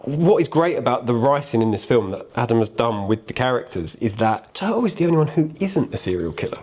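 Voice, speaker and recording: A man's voice: mid-range voice, big pitch swings, fairly quick, a little mellow. A British man, an actor, chatting casually in a matey, joking, sweary way. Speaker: actor promoting a comedy film. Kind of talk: casual banter in a game chat.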